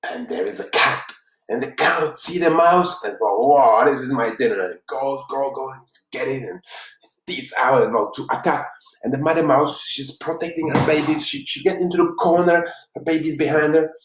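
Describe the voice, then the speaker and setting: A man from the Czech Republic with a Czech accent, a life coach giving an earnest, halting motivational talk on a live stream. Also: fairly high pitch, fairly bright tone. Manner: earnest, halting, with frequent restarts. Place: room in Los Angeles. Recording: roomy, distant mic.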